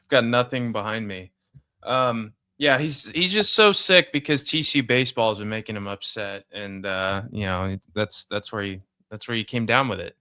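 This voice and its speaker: A man's voice: fairly low pitch, expressive, moderate pace, bright, forceful tone, smooth. A man hosting a casual sports podcast, easygoing and upbeat as he introduces the episode and previews games. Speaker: podcast host. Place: home room with bare background.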